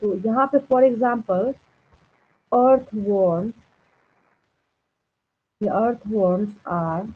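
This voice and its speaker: A woman biology teacher giving a classroom lecture, dictating notes slowly word by word and often checking that students follow. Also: mid-range voice. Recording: tinny phone-like sound.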